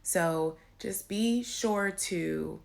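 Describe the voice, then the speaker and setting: A woman with a raspy voice giving an informal, emphatic devotional talk into her phone, repeating key phrases. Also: mid-range voice, extremely slow. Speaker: faith vlogger giving encouragement. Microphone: handheld phone.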